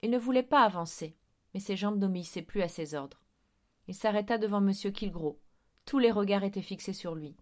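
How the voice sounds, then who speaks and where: A woman reading a dark children's novel aloud, with measured, quiet, suspenseful narration. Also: mid-range voice. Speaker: audiobook narrator. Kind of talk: storybook narration.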